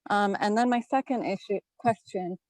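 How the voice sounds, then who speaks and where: A woman's voice: mid-range voice, moderate pace, a little mellow, no room sound. A woman calling in from home to ask polite, hesitant questions in a webinar, her line breaking up and dropping out. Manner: polite, hesitant, with many fillers. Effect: call audio breaking up and cutting out. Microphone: remote call line.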